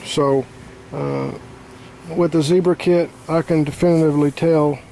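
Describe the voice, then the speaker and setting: This man's voice runs a bit high and gravelly yet warm, with fairly even intonation and a slightly slow pace. He's an HVAC technician giving a casual hands-on demonstration next to an outdoor AC unit, explaining each repair step plainly and filling his speech with fillers. The audio is poor, with some hiss or hum.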